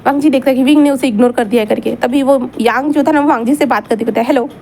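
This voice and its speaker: Woman storyteller, high voice, chatty and repetitive, faint background hiss. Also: quick pace, darkish tone. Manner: chatty, with repeats and asides to listeners. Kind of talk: narrating a fan story aloud.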